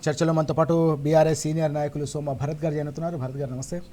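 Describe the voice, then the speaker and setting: A male news anchor hosts a televised political debate. His voice sits a little high with a dark, mellow tone. He sums up points and introduces guests briskly. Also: little pitch movement. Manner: brisk, with short backchannel replies.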